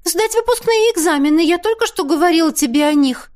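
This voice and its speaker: A woman's voice: extremely high pitch, expressive, unhurried, pitched above the performer's own voice. A woman voicing a spoiled young woman who whines and pleads with her cousin. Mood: pleading whiny. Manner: whining, pleading.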